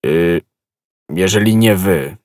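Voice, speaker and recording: A man's voice: sits low, slow, a little mellow, no echo, studio quality. A man reading an audiobook, voicing an eager young swordsman who speaks urgently and earnestly, raised above his narrating voice.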